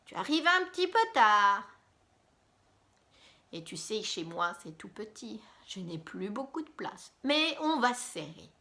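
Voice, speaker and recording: A woman's voice: sing-song, moderate pace, hardly any pauses, sharp tone, heavily acted. A woman doing the fretful deer. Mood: welcoming. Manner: fussy, apologetic, high-pitched exclamations. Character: kind fretful male deer host.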